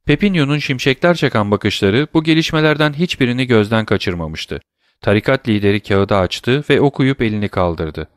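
A man narrating a classic novel as an audiobook in a measured, steady reading. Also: medium pitch, dry recording, studio quality.

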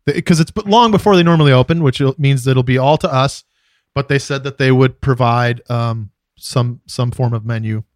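A man's voice: medium pitch, normal speed, no room sound, studio quality. A man co-hosting a podcast, explaining things matter-of-factly with sarcastic asides. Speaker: podcast co-host. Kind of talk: casual chat.

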